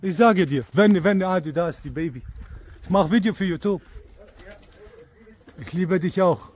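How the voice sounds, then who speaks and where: A man with an Iraqi accent giving casual, excitable commentary to viewers as he films his pigeons outdoors, repeating words and dropping religious blessings. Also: high voice, fast. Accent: Iraqi Arabic. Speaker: pigeon keeper filming his birds.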